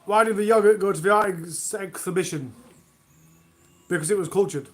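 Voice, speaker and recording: Male streamer, high voice, reads bad jokes live from home and groans at them. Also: normal speed. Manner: self-mocking, groans at own jokes. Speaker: livestream host. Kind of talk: reading jokes on a charity livestream.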